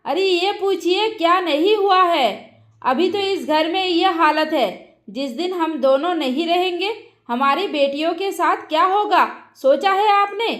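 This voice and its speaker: A woman's voice: extremely high pitch, unhurried. A woman doing a furious scolding mother. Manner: shouting, scolding. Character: angry middle-aged mother scolding her son. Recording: roomy echo.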